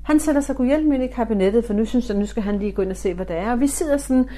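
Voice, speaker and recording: Animated Danish woman telling a story. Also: a little high. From Denmark. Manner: animated, acting out dialogue in different voices. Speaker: spiritualist medium. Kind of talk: storytelling talk.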